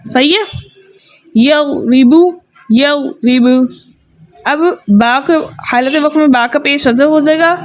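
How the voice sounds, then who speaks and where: High-voiced woman teaching Quran recitation. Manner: patient, repeats each sound twice, checks with "theek hai". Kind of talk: tajweed lesson with drilled letter sounds.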